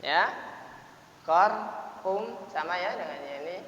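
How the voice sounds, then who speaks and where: A man teaches Quran recitation in a slow, unhurried way, breaking his explanations into short phrases. He stretches words out at length to model them and clears his throat often. The recording is dull and lo-fi, with a long hall echo. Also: sits high, sharp tone. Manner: explains in short broken phrases, then drawls words slowly to demonstrate. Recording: echoey, hissy, dull lo-fi room recording.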